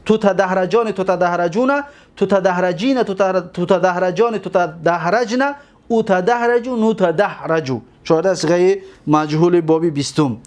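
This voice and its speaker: A man teaching a grammar lesson, reciting long memorized verb lists in a steady rhythm and stopping to explain each step. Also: high voice.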